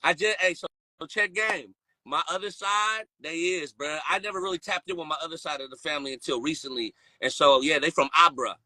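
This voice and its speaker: A podcast host rambles through a casual chat in loose slang, laughing often. His voice is a little high, brisk, pushed, and bright, with no echo but poor audio quality.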